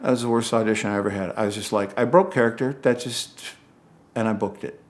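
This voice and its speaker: A man, an actor, casually telling an anecdote in an interview as an animated storyteller who acts out dialogue. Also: fairly low pitch, fast talker.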